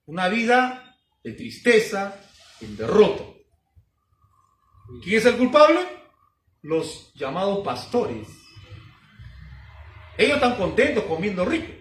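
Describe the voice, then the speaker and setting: A man's voice: sits high, sing-song, a little slow, long pauses, a bit bright, far from the mic. A man, a pastor preaching emphatically with repeated rhetorical questions. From Peru. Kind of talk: sermon teaching. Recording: roomy sound from off-mic.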